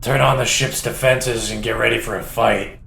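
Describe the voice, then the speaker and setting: A man voicing a gruff, weary male space pirate captain who talks in curt commands. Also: medium pitch, fairly even intonation, moderate pace, bright, forceful tone. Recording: roomy echo.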